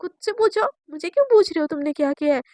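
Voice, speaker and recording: A woman's voice: very high voice, animated, fast, mellow, no echo, studio quality. A woman doing a huffy, stubborn young woman. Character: sulky, stubborn young woman giving her girlfriend the silent treatment.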